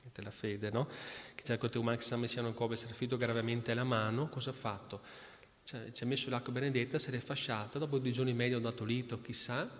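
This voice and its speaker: A man's voice: mid-range voice, steady tone, fast talker. Man reading a saint's life in a reverberant hall. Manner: reads then drops into quiet conversational asides. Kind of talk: reading aloud with asides.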